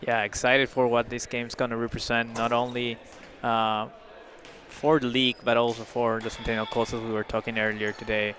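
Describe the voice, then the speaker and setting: A man's voice: medium pitch, flat delivery, moderate pace, a bit bright. A man giving conversational colour commentary at a live volleyball game. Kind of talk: conversational sports analysis.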